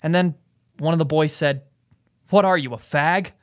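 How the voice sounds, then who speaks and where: A man's voice: fairly high pitch, normal speed, lightly acted. A young man in a student radio drama playing a shy, anxious teenage boy who stammers and pleads. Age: young adult. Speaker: nephew.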